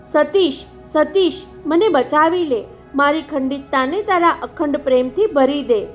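A woman's voice: high voice, measured pace, lo-fi sound, faint music behind. A woman reading a pleading, frightened young wife. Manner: pleading, fearful. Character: anxious young wife, longing for love.

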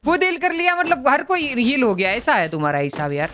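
A man's voice: extremely high pitch, lively intonation, brisk. A man with an Indian accent, a gaming host chatting and teasing his teammate. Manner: joking, teasing banter. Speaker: gamer host. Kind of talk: casual gaming chat. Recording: noisy game audio behind.

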